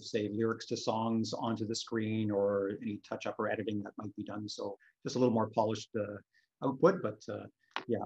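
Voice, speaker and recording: A middle-aged priest answers questions in a relaxed interview. His voice sits low with a gravelly, fried edge. He hesitates a lot, filling gaps with uh as he recalls things. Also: highs cut off. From Scotland, raised in Canada. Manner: hesitant, many uh fillers. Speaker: parish priest guest. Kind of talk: casual interview.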